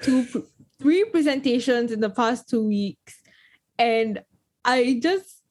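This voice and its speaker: A young adult woman with a lisp hosting a podcast, chatting in a lively, expressive way with quick asides. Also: on the high side. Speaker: podcast host. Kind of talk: casual chat.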